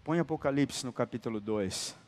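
A man preaching a sermon, emphatic and colloquial, moving between loud declarations and hushed, tender lines and calling listeners brother. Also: medium pitch, normal speed, slight background noise. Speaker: apostle preaching. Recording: long hall reverb.

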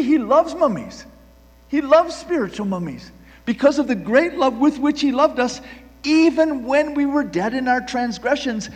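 A male pastor preaching a sermon with animated delivery, swinging between loud emphasis and hushed, quiet lines, often restarting and repeating words. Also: high voice, long reverb tail.

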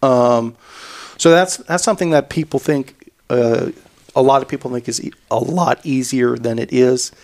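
A man with a gravelly, creaky voice talks casually about running cycling events. He rambles, restarting and repeating words as he explains. His pitch sits in an ordinary middle range. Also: normal speed, darkish tone. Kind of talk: casual podcast chat.

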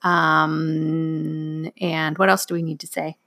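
A woman's voice: low-pitched, level tone, takes it slowly, bright, forceful tone. A woman who is an author and podcast co-host, reading from her book and then wrapping up casually with fillers.

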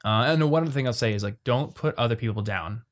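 Casual male podcast co-host. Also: mid-range voice. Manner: quick, conversational, reads listener questions aloud.

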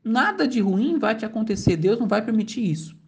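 A woman voicing a devoted wife who calmly and firmly reassures her husband, in a mellow tone. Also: a little high, a little fast. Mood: reassuring.

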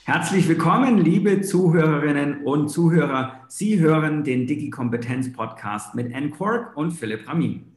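A man co-hosting a podcast who asks long, halting questions with many restarts. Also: fairly high pitch, soft background music. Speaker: podcast co-host. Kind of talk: conversational interviewing. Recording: roomy echo.

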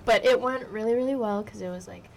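A woman's voice: on the high side, fast, a little mellow, a little hiss or hum. Giggly young woman musician, rambling. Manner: giggly, rambling, many fillers. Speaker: musician guest. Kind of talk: casual interview chat. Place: college radio studio. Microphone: studio microphone.

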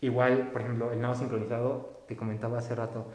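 A man's voice: medium pitch, level tone, fast talker, a little mellow. Young man interviewing, echoey room. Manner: chatty, rambling questions. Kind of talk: casual interview. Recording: roomy echo.

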